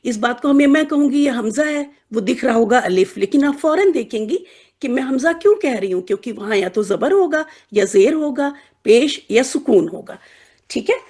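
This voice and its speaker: A woman's voice: fairly high pitch, animated, warm tone. A woman teaching Quranic Arabic letters to a class of mostly young girls, explaining patiently with playful examples and frequent check-ins. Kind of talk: classroom lesson.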